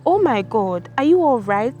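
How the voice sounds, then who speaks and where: A woman voicing a concerned young female classmate, firing off quick, anxious questions. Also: fairly high pitch, very animated, a little mellow, a little hiss or hum. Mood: worried.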